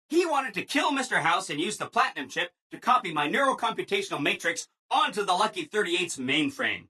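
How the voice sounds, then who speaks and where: A man's voice: high-pitched, sharp tone, slightly rough, exaggerated voice. A man voicing a relentlessly cheerful, eager-to-please robot assistant in a video game, with chirpy, over-agreeable salesman enthusiasm. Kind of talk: video game character voice lines.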